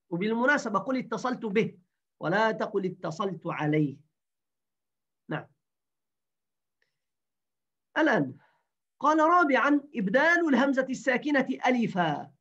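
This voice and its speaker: Higher-voiced woman teaching a grammar lesson. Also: a bit bright, husky. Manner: repeats words slowly, quizzes students. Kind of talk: grammar lesson to an online class. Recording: dull lo-fi recording.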